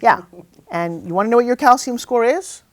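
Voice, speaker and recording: A woman's voice: fairly high pitch, lively intonation, moderate pace, dry recording. A woman hosting a talk show, chatting casually with guests and reacting with laughter. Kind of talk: casual interview chat.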